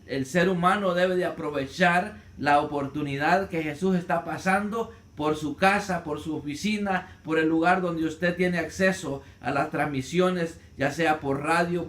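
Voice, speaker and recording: A man preaching a sermon as pastor, earnest, slowing and stretching words for emphasis and rising to cries when he quotes. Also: a little high, reverberant.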